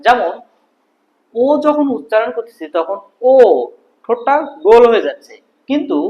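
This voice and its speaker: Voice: medium pitch, dull audio. A teacher, explaining a grammar lesson step by step and answering their own questions.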